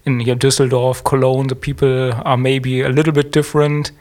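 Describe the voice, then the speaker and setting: A man's voice: medium pitch, little pitch movement, darkish tone. Hesitant German-accented man. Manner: hesitant, many fillers and pauses. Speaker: podcast guest. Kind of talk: casual interview.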